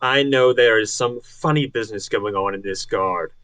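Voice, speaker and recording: Dude doing a pompous noble sorcerer, bossing people around, dry close sound. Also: male voice, fairly low pitch, normal speed, a bit bright, dry recording, close to an everyday voice. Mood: threatening. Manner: pompous, commanding. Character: haughty male noble sorcerer, demanding.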